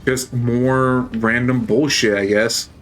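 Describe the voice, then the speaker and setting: A man's voice: mid-range voice, fairly even intonation, slow pace, a little hiss or hum. A man streaming a role-playing game, chatting casually, swearing and joking as he plays. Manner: profane, joking, laughs often. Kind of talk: casual gameplay commentary.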